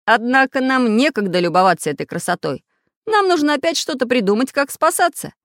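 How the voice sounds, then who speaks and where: A man voicing a brisk, resourceful tinker who leads the group, talking energetically in an audiobook. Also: very high voice, no echo, clean studio sound, voice pushed up, exaggerated voice. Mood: urgent. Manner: energetic, commanding.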